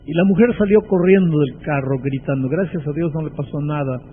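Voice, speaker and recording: Hombre predicando con fervor, sonido telefónico. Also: male voice, fairly high pitch. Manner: fervent preaching with slow, stressed phrases. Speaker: pastor. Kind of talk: sermon. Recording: tinny phone-like sound with faint background noise.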